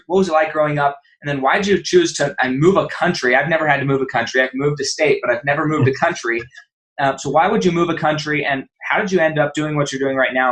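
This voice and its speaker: A man's voice: a little high, a bit bright, low-quality recording. A man hosting a podcast, introducing his guest in an eager, enthusiastic and rambling way. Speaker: podcast host.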